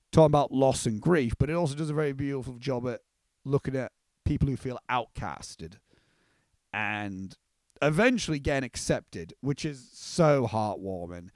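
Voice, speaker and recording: A man's voice: medium pitch, no room sound. Earnest young man reviewing a film. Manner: earnest and rambling, many restarts. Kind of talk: casual spoken movie review.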